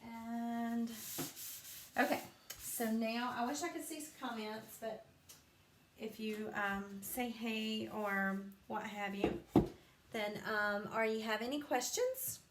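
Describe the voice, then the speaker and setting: Slow-talking chatty woman in an echoey room. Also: on the high side, steady tone. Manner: chatty, rambling, full of ums and asides. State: sleepy, yawning. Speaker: craft vlogger. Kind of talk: live craft demonstration. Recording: echoey room, faint background noise.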